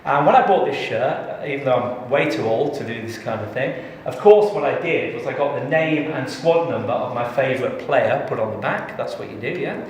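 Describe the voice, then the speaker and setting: Jokey presenter in an echoey hall. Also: male voice, medium pitch, moderate pace, few pauses, far from the mic, a little hiss or hum. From England. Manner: jokey, chatty, engages the audience. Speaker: tax trainer. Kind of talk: live training presentation. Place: large training room.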